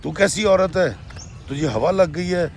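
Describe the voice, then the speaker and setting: A man voicing a harsh, domineering old mother-in-law who scolds in a shrill tone. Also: a little mellow, slight background noise, close to an everyday voice. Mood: scolding.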